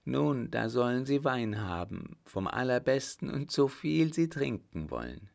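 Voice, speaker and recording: A man's voice: medium pitch, sing-song, a little slow, gravelly, darkish tone, pitched above the performer's own voice. A man voicing a scheming, sly baron who coaxes his accomplice with lurking eagerness. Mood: sly coaxing. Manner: sly, coaxing.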